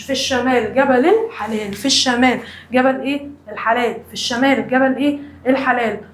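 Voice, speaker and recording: Brief: high-pitched Egyptian woman teacher, quick drilling delivery, echoey room. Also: slight background noise. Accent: Egyptian Arabic. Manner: repeats questions and answers, uses memory tricks. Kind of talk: primary school lesson with call-and-response drills. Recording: roomy echo, faint ambience.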